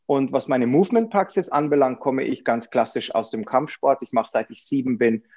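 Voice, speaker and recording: Male interview guest, relaxed and self-mocking, recorded with a dull lo-fi sound. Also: medium pitch, normal speed. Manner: self-mocking, laughs easily. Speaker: podcast guest. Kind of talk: casual interview talk.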